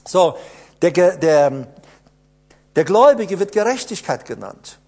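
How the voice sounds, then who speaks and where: High, lively-voiced man preaching. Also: measured pace, soft background music. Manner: emphatic, with rhetorical questions and repeated phrases; swings between hushed lines and loud bursts. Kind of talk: sermon.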